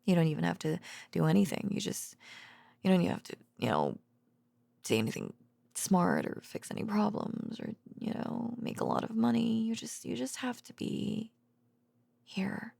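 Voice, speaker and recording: In this intimate bedtime audio roleplay, a woman plays an affectionate, drowsy, bashful girlfriend who works as a researcher and has just come home. Her breathy, soft murmur drifts into whispering and creak at a medium pitch, animated and at normal speed. The mood is loving and earnest, her manner hesitant, rambling, giggly and tender, and the close, dry mic carries no echo.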